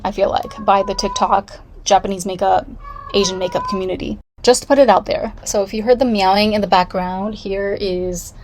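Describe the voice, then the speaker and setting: A woman's voice: medium pitch, a little hiss or hum. A woman vlogging casually from home, reviewing beauty products in a rambling, candid way with self-deprecating asides.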